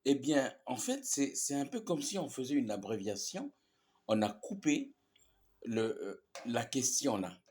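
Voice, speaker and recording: A man's voice: mid-range voice, very animated, a little slow, a little mellow. A man teaching a language lesson, explaining grammar patiently and repeating each example with frequent "ok?" checks.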